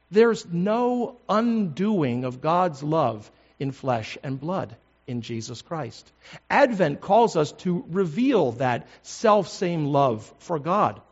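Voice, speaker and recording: An older man, a pastor, preaching a sermon in a measured, deliberate way, stressing words one by one. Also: high-pitched, muffled recording.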